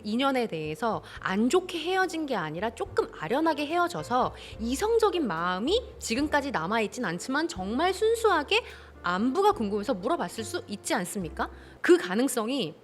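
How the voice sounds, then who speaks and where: Animated Korean advice host, woman. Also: on the high side. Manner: animated, indignant, acts out dialogue. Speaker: host giving advice on listener stories. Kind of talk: casual advice talk.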